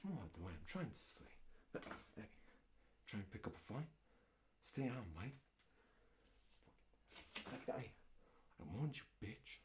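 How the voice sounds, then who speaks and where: A man's voice: medium pitch, darkish tone, slight background noise, voice pushed up. A young man playing a mocking, menacing burglar in an ASMR role-play, taunting and foul-mouthed, with question after question. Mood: irritated. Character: menacing, mocking male burglar threatening his victim. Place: small dim room indoors.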